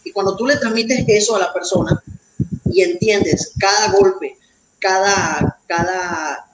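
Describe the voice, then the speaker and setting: A man's voice: high-pitched, slow pace, crowd noise. A man with a Venezuelan accent, a guest in a casual interview, speaking in hesitant, repeated phrases. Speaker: guest, celebrity impersonator. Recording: echoey room with loud background noise.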